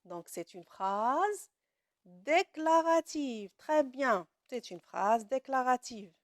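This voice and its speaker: Woman teacher doing grammar for kids, kinda high voice, super slow, drags out words, lots of praise. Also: expressive, no room sound, clean studio sound. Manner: slow and deliberate, stretches key words, frequent praise. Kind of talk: grammar lesson for children.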